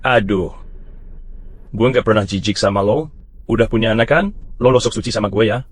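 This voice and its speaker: A man's voice: lowish voice, steady tone, normal speed, slightly rough. A sneering crude foreman. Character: arrogant lecherous male foreman bully turned groveling. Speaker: site foreman. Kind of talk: short drama acting.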